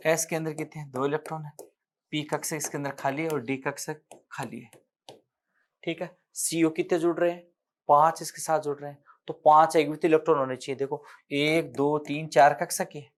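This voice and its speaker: Teaching an exam-prep chemistry lecture, a man with a Rajasthani accent explains things step by step. His voice sits on the high side, and he counts aloud and corrects himself as he writes on the board.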